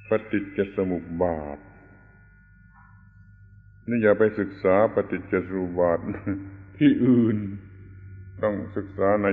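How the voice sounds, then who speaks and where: A man with a very deep, low voice delivers a Buddhist dharma sermon, explaining ideas in an unhurried way. The sound is thin and phone-like, and a long hall reverb trails each phrase. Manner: unhurried, explanatory, stresses correct pronunciation. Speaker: Buddhist teacher.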